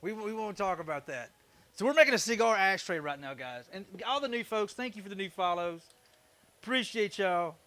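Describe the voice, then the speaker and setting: A man's voice: sits high, very animated, a little fast, sharp tone, dry recording. A man with a Southern US accent hosting a woodworking livestream, chatting in an easygoing, folksy way with viewers while he works. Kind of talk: casual livestream chat while working.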